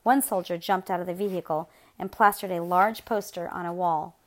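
Woman reading a novel aloud, measured. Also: fairly low pitch, fairly even intonation. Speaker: audiobook narrator.

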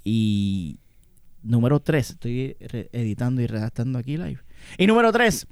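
Puerto Rican male podcast co-host, joking and cursing, with a smooth, resonant voice. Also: medium pitch, expressive, moderate pace, dry recording, studio quality. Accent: Puerto Rican Spanish. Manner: joking, swears, laughs a lot. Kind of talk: casual banter.

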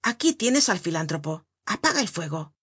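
A gruff, commanding father in a storybook reading, all abrupt orders that leave no room for a reply, as a woman reader puts him on. The voice sits low and husky, close and dry, with no room sound. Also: big pitch swings, normal speed, a bit bright, no room sound, full character voice. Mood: barking. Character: gruff, commanding poor father, middle-aged.

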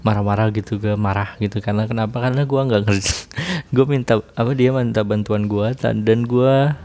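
A man's voice: on the low side, mellow. Young man, casual monologue; rambling, second-guesses himself, laughs often. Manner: rambling, self-questioning, many restarts and laughs.

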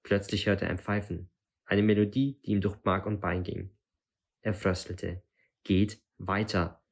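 A man reading a fantasy novel aloud in a measured, suspenseful way. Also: low voice, flat delivery, vocal fry, slightly rough. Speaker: audiobook reader.

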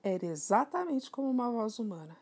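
A woman reading a children's story aloud in an expressive manner. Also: a little high, fairly quick, husky. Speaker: narrator.

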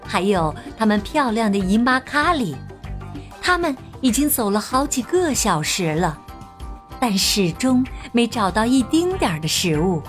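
A woman reading a children's story aloud in an animated way, putting on voices for the characters. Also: mid-range voice.

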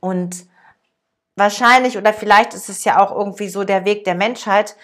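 A woman calmly reading a story aloud and then reflecting on it, thinking aloud. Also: mid-range voice, moderate pace.

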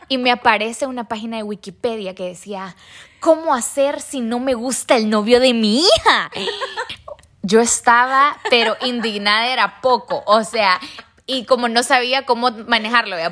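A young woman from El Salvador, hosting a casual chat and telling stories in an animated way. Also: on the high side, a little hiss or hum. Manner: animated storyteller, acts out quoted voices. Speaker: podcast host.

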